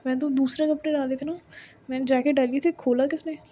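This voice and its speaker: A woman's voice: high voice, steady tone, brisk, lo-fi sound, background noise, close to an everyday voice. A woman voicing a confused, worried young woman who begs to know what she did. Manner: bewildered pleading.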